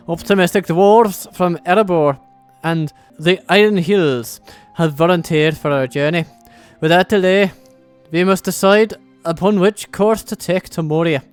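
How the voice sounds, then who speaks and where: A man's voice: high voice, a little slow, few pauses, clean tone, soft background music. A man putting on a fake Scottish accent to voice a solemn dwarf herald reading a grand quest briefing. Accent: put-on Scottish. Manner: grand, old-fashioned storytelling delivery. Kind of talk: dramatic reading of game briefing text.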